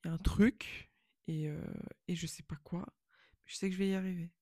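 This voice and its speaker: A woman's voice: on the low side, fairly even intonation, fairly quick, mellow, no room sound. A woman in her twenties talking to camera in a casual, rambling and self-mocking monologue that slips in English phrases. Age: 20s. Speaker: vlogger.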